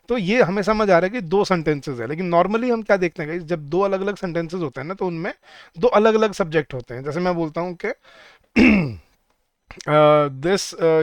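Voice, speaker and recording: A young man teaching an online exam-prep English lesson, explaining patiently to his viewers, slowing right down for each example sentence. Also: sits high, dry recording, clean studio sound. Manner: talks to viewers directly, often says "guys".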